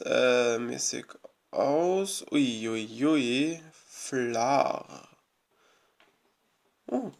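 A man's voice: mid-range voice, creaky. A man casually commenting on his own gameplay as a let's play host, chatty and rambling with many fillers, eager and grateful toward his viewers.

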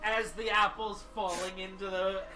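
A player in a tabletop game, playful and jokey, given to loud cheering bursts. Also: mid-range voice, flat delivery, moderate pace, over music. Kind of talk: casual tabletop game chat.

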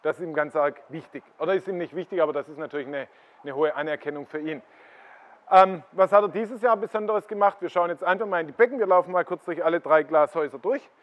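A man's voice: fairly high pitch, fast talker. Middle-aged man explaining koi on a tour. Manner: explanatory, pointing viewers to fish. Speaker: koi dealer giving a farm tour. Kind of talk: walking tour commentary. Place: greenhouse koi ponds, indoors. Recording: slightly dull lo-fi sound.

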